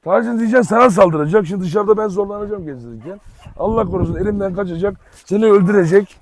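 A man from Turkey hosting a casual vlog outdoors in a dog yard, loud and teasing, coaxing the dogs with pet names. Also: sits high, fast. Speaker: dog channel host.

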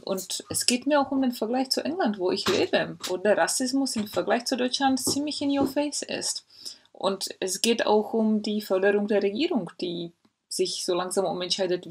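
A Czech historian in her forties gives a personal video statement in German, earnest and reflective, with frequent pauses and hesitations as she works through her points. Her medium-pitched voice is slightly husky. She records on a laptop webcam mic in a home study lined with bookshelves.

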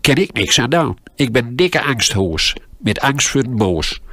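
A man with a Groningen dialect telling a humorous story on the radio with dry, deadpan humor. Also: medium pitch, unhurried, no room sound.

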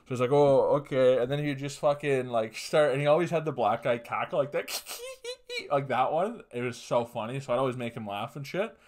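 A man's voice: mid-range voice, a little fast. A young man from Canada hosting a podcast, telling rambling, profane comic stories in a casual way, recorded at home on a webcam. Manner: rambling, profane, animated storytelling. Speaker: podcast host. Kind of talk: casual comedic storytelling. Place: small room at home, indoors.

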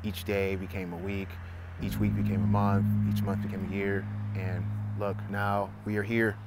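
A young man from Southern California, a photographer talking casually to camera about a spontaneous trip, relaxed and laid-back. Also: fairly low pitch, normal speed. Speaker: photographer and vlogger. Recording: noisy outdoor ambience.

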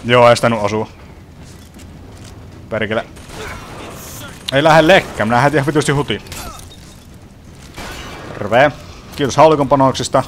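Playing at home, a young man talks through his own game in casual let's play style, his mid-range voice broken by frequent pauses over a faint hiss or hum. He swears a lot and grumbles at the game, chatty but frustrated.

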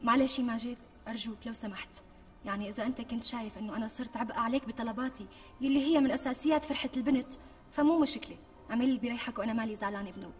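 A woman plays a pampered young pregnant wife with a Damascene accent, always pressing for more. Her voice sits high and races along. It sounds taken from some distance, with faint music underneath. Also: darkish tone, lightly acted. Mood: coaxing. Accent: Syrian, Damascene. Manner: wheedling, quick to take offence. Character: pampered young pregnant bride, demanding and coaxing. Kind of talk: TV sketch acting.

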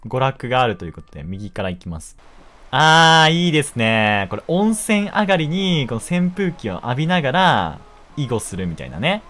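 Excitable young man commenting on a game. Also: medium pitch. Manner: excitable, jokey, quick exclamations and laughter.

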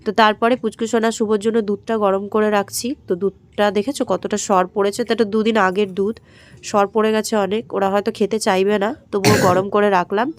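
A woman with a hoarse throat, chatting straight to her viewers in a daily-life vlog voice-over recorded at home. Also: medium pitch, flat delivery, quick pace. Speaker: vlogger.

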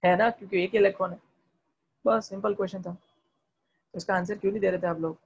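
A man teaching chemistry in an online class, talking fast, quizzing students with repeated questions and mixing English terms into Hindi. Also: sits high, steady tone, vocal fry, husky, highs cut off. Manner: talks fast. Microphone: video call.

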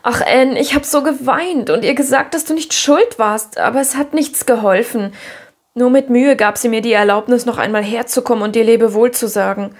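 A gentle, practical young girl, as a woman reader puts her on speaks softly and earnestly in a raised voice. She sounds like a tender storybook friend. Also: a little high, moderate pace. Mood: sad.

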